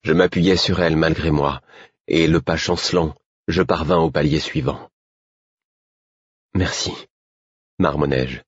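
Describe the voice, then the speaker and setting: Low, husky male narrator. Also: steady tone, moderate pace, no room sound, highs cut off. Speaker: audiobook narrator. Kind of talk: first-person novel narration.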